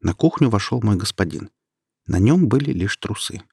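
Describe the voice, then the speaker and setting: A man with a low, husky voice reading an audiobook aloud. He narrates at a steady, even storytelling pace. The recording is dry and close, with no room sound. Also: moderate pace, no room sound.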